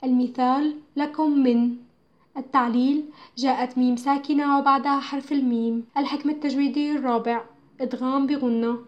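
A woman reading a religious studies textbook lesson aloud, measured and clear, with slow, careful recitation of verses. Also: high-pitched, fairly even intonation, darkish tone, muffled recording. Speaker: narrator of a school textbook audio.

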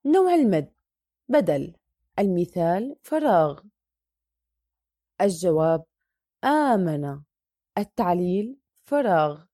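A woman's voice: on the low side, sing-song, a little slow, pauses often, dark tone, no room sound, clean studio sound. A woman teacher reading a Quran recitation worksheet aloud, going through each question and answer methodically and drawing out the example words.

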